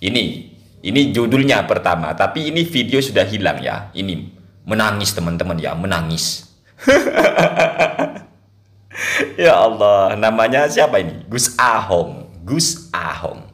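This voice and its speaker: A man's voice: lowish voice, animated, moderate pace, a bit bright, roomy sound. A man giving casual video commentary in a mocking tone, laughing often and drawing out his exclamations.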